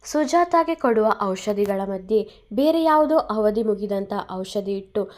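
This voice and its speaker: A woman's voice: medium pitch, lively intonation, measured pace, darkish tone. A woman reading an audio love story aloud as narrator, giving each character's lines small shifts in tone.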